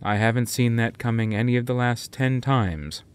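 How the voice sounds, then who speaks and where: An actor playing a deadpan, dry narrator voice with no body in a comedy radio play. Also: male voice, medium pitch, normal speed, smooth, close to an everyday voice.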